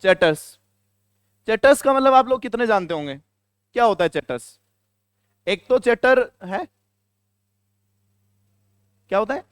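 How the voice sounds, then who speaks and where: A man teaches a classroom lesson in a high, crisp voice. He keeps quizzing his students and repeating the answers. The sound is close and dry, with no room echo. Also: expressive, a little slow, pauses often. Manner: questions the students and answers himself, repeating key words. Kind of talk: classroom lecture.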